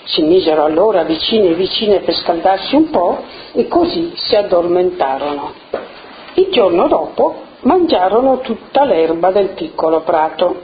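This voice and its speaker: A woman leads a group activity, giving brisk instructions and then reading a fable aloud. The recording sounds a little dull. A faint hiss stays in the background. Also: on the low side, lively intonation. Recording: muffled with faint noise.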